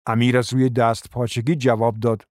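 A man narrating a radio play with an even, storytelling delivery. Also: medium pitch, no room sound, studio quality. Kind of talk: scripted narration.

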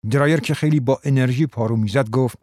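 A man narrating a story in a measured, even way. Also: mid-range voice, dry recording, studio quality. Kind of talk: scripted narration.

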